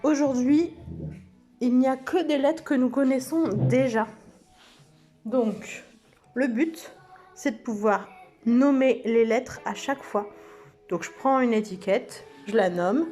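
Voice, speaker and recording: A woman teaching preschool children, speaking slowly and stretching out each word and letter sound. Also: sits high, mellow, soft background music. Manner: slow, sing-song, stretches out words and letter sounds. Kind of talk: slow lesson for young children.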